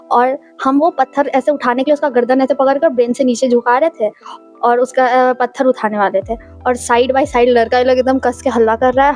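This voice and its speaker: A young woman telling a story in a chatty, animated vlog style. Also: high voice. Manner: animated, chatty, acts out quoted lines. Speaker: vlogger.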